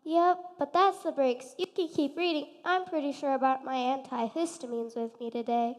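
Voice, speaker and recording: A woman's voice: high-pitched, steady tone, normal speed, close to an everyday voice. A woman playing an anxious little pig with allergies in a stage play, speaking in a fretful, hypochondriac manner. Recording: stage in a reverberant hall.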